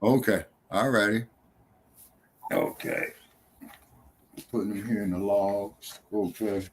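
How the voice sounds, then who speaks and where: Slow-drawling man hosting a talk show. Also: fairly low pitch, huge pitch swings, creaky, slight background noise. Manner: loose, heckling, drawling asides. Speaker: podcast host. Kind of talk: casual talk show chat.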